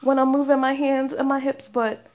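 A woman's voice: high voice, flat delivery, moderate pace, darkish tone, dull audio. Laughing self-mocking woman in her thirties. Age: 30s. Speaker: vlogger. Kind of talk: casual chat.

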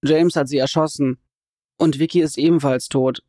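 A woman reading an audiobook, voicing a shaken grown man whose voice breaks as he speaks haltingly. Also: deep voice, steady tone, mellow, dry recording, clean studio sound, close to an everyday voice. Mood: distraught. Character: shaken grown man, grief-stricken neighbour.

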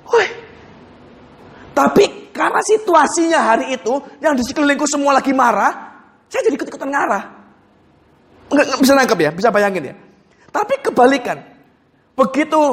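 A male pastor preaching a sermon in a lively, conversational storytelling manner, often chuckling as he talks. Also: very high-pitched, brisk, long pauses.

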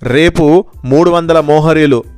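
A man voicing a bold, money-minded young fisherman in a children's storybook tale, in a smooth, clear voice. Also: on the high side, a little slow, a little mellow, faint music behind, close to an everyday voice.

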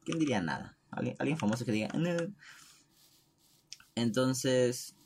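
A man's voice: medium pitch, brisk, creaky, a little mellow, slight background noise. A young man hosting his own podcast, rambling casually about his routine, with lots of restarts, swearing and self-deprecating jokes, speaking from the throat. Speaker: podcast host.

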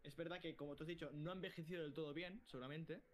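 A man from co-hosting a casual podcast, telling stories fast and laughing often. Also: fairly high pitch, soft background music. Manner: fast, animated, laughing storyteller. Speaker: podcast co-host. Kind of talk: casual chat.

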